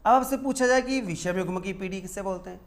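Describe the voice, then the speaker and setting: This high-sitting male voice belongs to a teacher lecturing his class, who puts questions to the students only to supply the answers on his own. Important terms get repeated at a deliberate, slow pace.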